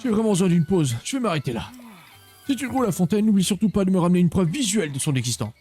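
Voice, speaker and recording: Guy doing worn out old traveller from a video game, whiny and tired, pitched way up, bit of music behind. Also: big pitch swings, quick pace, dark tone. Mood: exhausted, plaintive. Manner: plaintive, worn-out complaining. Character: weary old traveller complaining of exhaustion and age. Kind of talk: video game dialogue read aloud.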